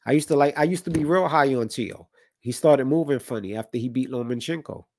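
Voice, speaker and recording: A man in his thirties talks fast in a mid-range, darkish voice while hosting a boxing livestream in a home room with colored lights. He shares opinions, reads chat comments aloud in casual conversation, and sounds a little stuffy from a cold. No echo on the audio.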